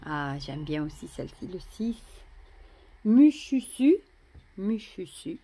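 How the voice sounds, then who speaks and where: Woman, French accent, chatty admiring card review, slightly low pitch, soft asides. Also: animated, moderate pace, husky. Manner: chatty, admiring, often drops to a murmur. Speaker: tarot deck reviewer. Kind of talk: casual show-and-tell.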